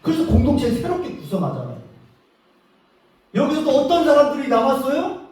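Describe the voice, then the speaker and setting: A male pastor preaching a lively, joking revival sermon, acting out prayers as he goes. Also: very high-pitched, a little fast. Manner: animated, joking, acts out prayers. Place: church sanctuary. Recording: echoey hall from far off.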